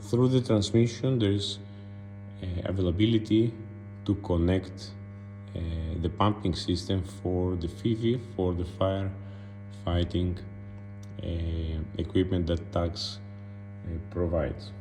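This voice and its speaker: A man narrating an unscripted video tour as a guide, halting and pausing between short phrases. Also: low-pitched, steady tone, warm tone, reverberant, faint music behind.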